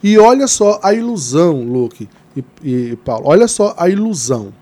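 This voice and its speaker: A man answers interview questions in a warm, soft-toned voice pitched a bit high. He is earnest and often hesitates on fillers, but builds real conviction as he goes on. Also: sing-song, normal speed. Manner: earnest, hesitant with frequent fillers, grows impassioned. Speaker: interview guest, Green Party member organizing a river cleanup.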